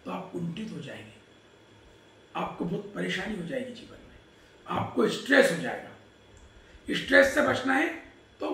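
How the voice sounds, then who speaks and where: With a high, gravelly, bright voice and a forceful tone, a man gives a Hindi religious discourse, explaining the Sanskrit verses he recites and answering his own questions. The recording is echoey and distant, with a little hiss or hum.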